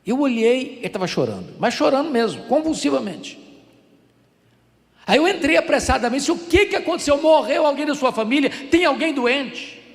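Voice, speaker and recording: Brazilian male pastor, 60s, lively high preaching voice with gravel, hall reverb. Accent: Brazilian Portuguese. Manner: animated storytelling, acts out voices, builds to fervent prayer. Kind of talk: sermon.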